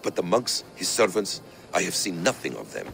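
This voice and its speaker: An actor playing a cautious, solemn warrior mentor in a video game, measured and grave, with formal phrasing. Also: male voice, sits low, very animated, creaky, fairly bright tone, a little hiss or hum, exaggerated voice. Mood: grave, guarded. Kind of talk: video game dramatic acting.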